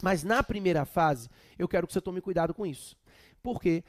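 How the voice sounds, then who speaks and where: A man's voice: sits high, brisk, no echo, clean studio sound. A man with a Brazilian accent giving a chatty law exam prep lecture with humorous asides. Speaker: law teacher.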